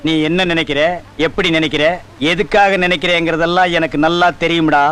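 A man's voice: fairly high pitch, fairly even intonation, a bit bright, clean tone, close to an everyday voice. An actor playing a bossy, bragging village exorcist in a Tamil film comedy, scolding and mocking his assistant. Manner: scolding, mocking, quick-tongued.

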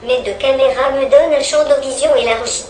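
A small humanoid robot introducing itself in a synthetic female text-to-speech voice, with an even, scripted delivery, heard from its own speaker on a stage. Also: sits high, brisk, a little hiss or hum. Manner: evenly paced, flat scripted delivery. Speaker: demo robot presenting itself. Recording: echoey room, voice from far off.

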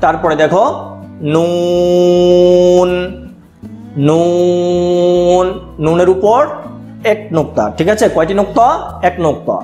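A man teaching young children an online lesson. He talks slowly and patiently and repeats each sound for the children to copy. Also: on the high side, expressive, darkish tone, roomy sound, faint music behind.

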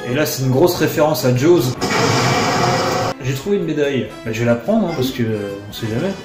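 A man commenting on a video game he plays, joking and sarcastic, breaking into excited outbursts. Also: medium pitch, fairly quick. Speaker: let's play commentator. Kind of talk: casual gameplay commentary. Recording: roomy sound with game music behind.

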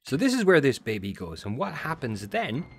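A man's voice: mid-range voice, huge pitch swings, normal speed, noisy background. A man hosting a casual, chatty game walkthrough, talking the viewer through each step with a jokey edge. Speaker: gaming video host.

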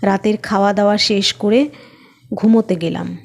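A woman narrating a scripted first-person story with a steady, even reading. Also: medium pitch, moderate pace, vocal fry.

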